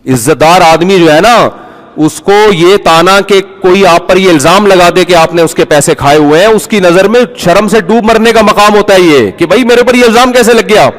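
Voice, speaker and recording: A man delivers a conversational sermon, slipping into the voices of the people in his stories. His voice sits a little high for a man. The sound rings with the long reverb of a large hall. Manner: animated storyteller, acts out the people in his stories. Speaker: Islamic preacher.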